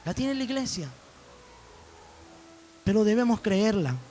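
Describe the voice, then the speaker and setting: A man's voice: high-pitched, expressive, measured pace, warm tone. A man preaching a sermon as pastor, telling stories and acting out dialogue. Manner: storytelling preacher, quoting dialogue.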